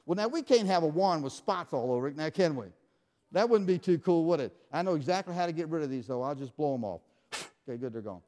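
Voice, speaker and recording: At a children's magic show in an echoey church hall, a man speaks fast and animatedly, his fairly high voice tinged with a darkish tone. He plays up his surprise for the live audience and quizzes the kids in call-and-response.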